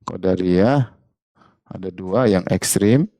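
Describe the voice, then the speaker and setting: A male Islamic preacher with a low voice speaks slowly in a religious study lecture recorded without echo. He keeps a lively, joking teaching tone, repeating key phrases and regularly asking the audience questions.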